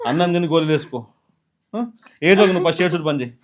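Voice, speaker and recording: A man's voice: on the high side, racing, lightly acted. An actor with a Telangana Telugu accent playing a young husband who coaxes his crying wife in an urgent way. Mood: coaxing. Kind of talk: village short film acting.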